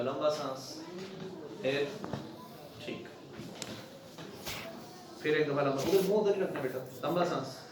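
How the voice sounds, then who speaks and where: A male doctor examining a patient at the bedside, gently coaxing and repeating his instructions and praising the patient. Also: fairly high pitch, noisy background. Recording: very echoey ward, distant, crowd behind.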